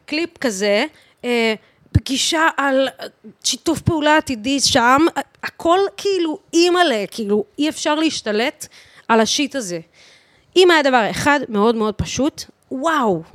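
A woman of thirty-one with an Israeli accent, chatting casually as a podcast guest in an animated, emphatic way, with slang and English swearing mixed in. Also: high-pitched, no echo. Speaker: guest singer, DJ and voice teacher.

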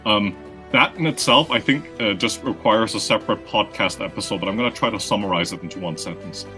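Faint music runs behind a guest marketing consultant, Austrian by origin and raised in the Philippines, as he explains his interview answers at length. He restarts frequently and keeps checking in with "right?", his fairly low voice pushed and bright and a little fast.

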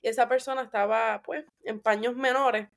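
A woman's voice: on the high side, steady tone, moderate pace. A woman with a Puerto Rican accent chatting casually and slangily as a podcast guest. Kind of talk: casual chat.

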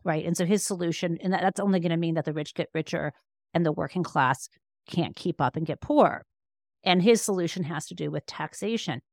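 Her voice on the low side, this law professor and author responds to interview questions in an explanatory, conversational manner. She restarts phrases as she works out what to say. It's recorded in studio quality without echo.

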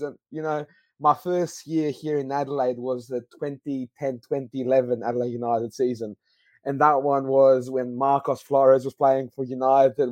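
A young man from Greece, a guest on a football podcast, telling a story in a lively, laughing way. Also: medium pitch, no echo. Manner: animated, laughs through his story. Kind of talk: casual storytelling chat.

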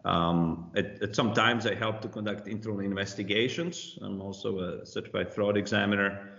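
A man in his forties with a very low voice, born in Slovakia, who talks with a halting rhythm full of ums and restarts. His voice comes through a muffled, roomy connection. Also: steady tone, vocal fry, fairly bright tone. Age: 40s. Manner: hesitant, many fillers and restarts. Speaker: compliance consultant, guest. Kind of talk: casual interview talk. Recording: muffled, roomy remote audio.

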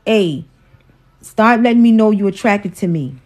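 A woman's voice: mid-range voice, lively intonation, unhurried, a little mellow. A woman in her forties hosting a casual livestream about relationships, outspoken, profane and preachy as she lectures her viewers. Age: 40s. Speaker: host, wife.

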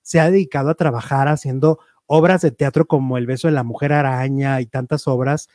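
A man hosting a casual entertainment chat, gossiping in an animated way and acting out quotes playfully. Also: mid-range voice, a little fast, dry recording, studio quality. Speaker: show host.

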